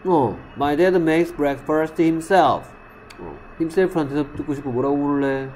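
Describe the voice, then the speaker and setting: A man with a slightly high voice leads an English grammar class, calling on students by name and drilling them. He reads English sentences slowly and clearly, then switches back to explain. Faint noise from the room can be heard behind him. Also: expressive, a little mellow. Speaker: English teacher. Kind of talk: classroom lesson.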